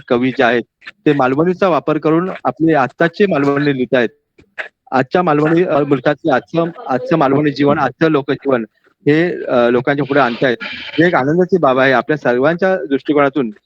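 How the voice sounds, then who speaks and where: A man, compering a poetry event and speaking with frequent pauses and restarts. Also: a little high, slight background noise. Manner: hesitant, many fillers and restarts. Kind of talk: stage announcing and speech. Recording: dull lo-fi sound.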